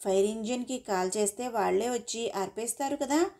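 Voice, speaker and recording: A woman voicing a sharp-tongued young woman, snapping in a scolding, sarcastic way in a storybook reading. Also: on the high side, a little fast, close to an everyday voice.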